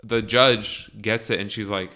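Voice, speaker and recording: A man's voice: on the low side, fairly even intonation, measured pace, bright, forceful tone. A young man on a podcast, casually telling a long story with lots of fillers and laughs. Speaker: podcast co-host.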